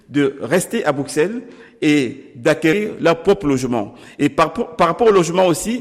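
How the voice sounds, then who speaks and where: A middle-aged, Cameroonian-born political candidate gives measured campaign interview answers in a large hall. His voice is fairly high, and he speaks deliberately and formally, with pauses and some restarts.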